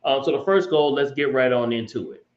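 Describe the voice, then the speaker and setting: A man as a financial guest explaining in a casual chat, measured and hesitant with many ums. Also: mid-range voice, a little hiss or hum. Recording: roomy, dull remote audio.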